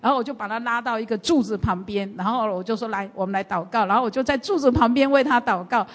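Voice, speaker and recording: A woman pastor tells a story to her congregation with a lively, animated delivery and plenty of fillers. Her voice sits a little high. It rings with the long reverb of a church hall. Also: fast talker. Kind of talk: sermon storytelling in a church service.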